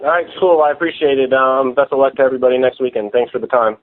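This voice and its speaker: A man's voice: medium pitch, fast talker. A man working as a reporter, putting questions in an informal press-call style. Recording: muffled phone conference line.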